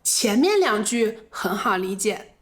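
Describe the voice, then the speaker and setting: Woman, language teacher, unhurried delivery, acts out sample phrases. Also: mid-range voice, very animated, fairly bright tone. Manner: acts out example phrases in quoted voices. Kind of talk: slow explanatory lesson.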